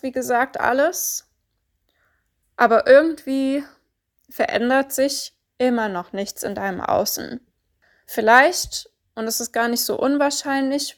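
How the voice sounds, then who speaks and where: A woman giving a calm, deliberate coaching monologue, stressing points through repetition. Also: on the high side. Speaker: spiritual coach.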